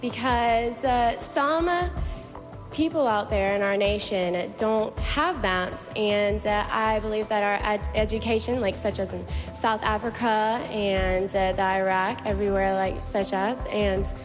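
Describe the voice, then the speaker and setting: A young woman giving a poised but halting pageant answer onstage. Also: medium pitch, fairly even intonation. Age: young adult. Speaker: pageant contestant. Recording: echoey hall, music behind.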